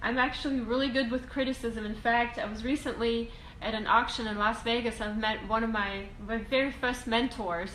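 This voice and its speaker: Woman educator, casual Q&A, slightly high voice, halting with ums; echoey room. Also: steady tone, fairly bright tone. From Russia. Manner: halting, frequent ums and restarts. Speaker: real estate investing educator. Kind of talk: casual Q&A video talk. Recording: echoey room, faint ambient hiss.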